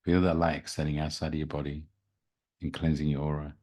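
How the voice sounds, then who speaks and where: A man speaking as a spiritual host, leading a guided meditation in a gentle, soothing, unhurried manner. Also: very deep voice, little pitch movement. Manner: slow, soothing, gentle delivery. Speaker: podcast host and spiritual reader.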